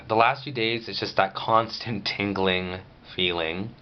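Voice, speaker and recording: A man's voice: fairly low pitch, fairly even intonation, slow pace, smooth, dull audio. A man giving a casual, rambling video diary update, speaking matter-of-factly with restricted jaw movement after jaw surgery.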